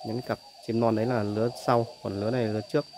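With a fairly low, flat voice, a dove breeder gives a chatty walkthrough of his aviary cages while filming on a handheld phone, hoping to sell birds. He fills his pauses with short tags, repeating "đấy" between points, while the doves' loud cooing fills the phone's audio.

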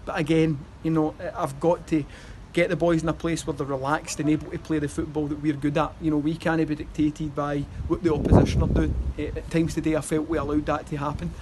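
In a flat, fairly quick delivery with hardly any pauses, this Scottish football manager in his thirties gives an outdoor post-match interview by a stadium wall. His voice is on the high side, he rambles with fillers and restarts, and the background is noisy.

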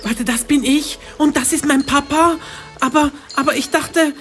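A woman's voice: sits high, moderate pace, a bit bright, soft background music. A woman voicing a frightened young girl who pleads anxiously. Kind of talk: storybook role-play.

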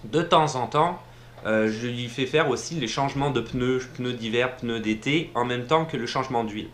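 A man's voice: mid-range voice, normal speed, fairly bright tone, slight background noise. Chatty man in a roomy echo. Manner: chatty, many fillers and restarts, laughs at himself. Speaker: vlogger. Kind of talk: casual advice vlog. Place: home in Montreal area.

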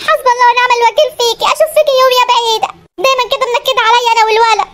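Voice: very high voice, very fast, a bit bright. A voice actor playing a scheming, spiteful middle-aged mother-in-law in a comic cartoon, speaking with an Egyptian Arabic accent and muttering nagging, plotting asides. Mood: indignant.

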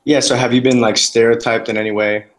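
A man's voice: medium pitch, flat delivery, fast, low-quality recording. A man co-interviewing, phrasing his questions casually with many fillers.

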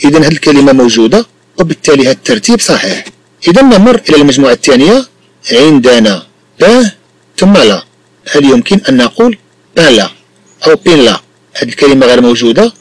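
A man teaching a lesson, speaking slowly and repeating each sentence in two languages. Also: on the high side, very animated, dry recording, low-quality recording. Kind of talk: bilingual classroom lesson.

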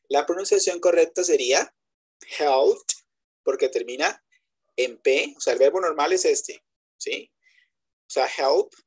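A man's voice: fairly high pitch, husky. A man teaching English in a web class, explaining step by step in Spanish and checking often that students follow. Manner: switches between Spanish explanation and English examples. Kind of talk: online class lecture. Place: web conference.

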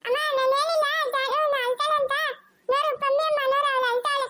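A woman's voice: very high voice, steady tone, fast. A woman acting in a homemade family drama, with a pleading, sometimes tearful delivery. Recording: loud background noise.

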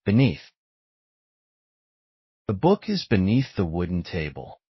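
Slow, deliberate male vocabulary reader. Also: sits low, wildly swooping pitch, slightly rough, no echo, dull audio. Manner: measured, deliberate enunciation. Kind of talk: slow scripted word-and-sentence reading.

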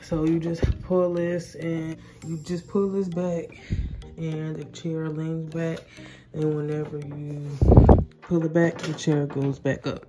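A woman's voice: deep voice, level tone, slow. A young woman who owns a salon suite, casually walking viewers through her small indoor space on a handheld phone and chatting to them as y'all. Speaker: salon suite owner and braider. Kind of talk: casual walkthrough tour. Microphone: handheld phone camera. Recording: music playing behind the voice.

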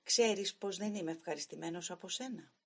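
A woman voicing a jealous, hot-tempered young male train stoker who speaks in a hostile, accusing way. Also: on the low side.

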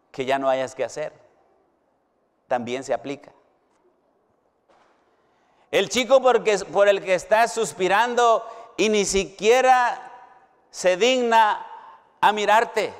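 A middle-aged man with a Mexican Spanish accent preaching a sermon as a pastor, slow and emphatic, with dramatic pauses and big swings from loud to hushed. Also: sits high, clean tone. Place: university hall or chapel. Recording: long hall reverb.

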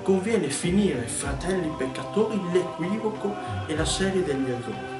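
A man's voice: high-pitched, lively intonation, normal speed. A man doing a flustered scolding village priest. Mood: exasperated. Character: exasperated middle-aged male parish priest. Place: restaurant pizzeria. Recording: echoey, distant, loud music behind.

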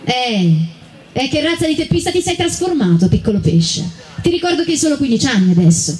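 A woman voicing Peter, a gruff but kindly old woodcutter who teases and grumbles. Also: sits high, very animated, brisk, a little mellow, pitched above the performer's own voice. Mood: grumbling. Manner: teasing, grumbling.

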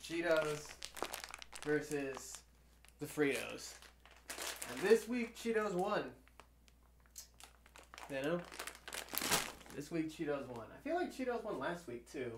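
At home, a young man gives casual live commentary on an old movie, rambling to himself with lots of fillers and restarts. His voice is a little high and very animated, yet slow, with frequent pauses and background noise.

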